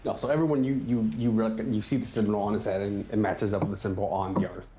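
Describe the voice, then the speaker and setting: A man's voice: lowish voice, steady tone, quick pace, muffled recording, background noise. A man narrating as game master, describing scenes with frequent ums and restarts.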